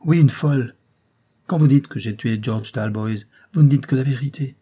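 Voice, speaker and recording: Man voicing a young noblewoman, defiant, desperate, loud outbursts, husky, mellow. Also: medium pitch, normal speed, close to an everyday voice. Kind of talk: audiobook reading.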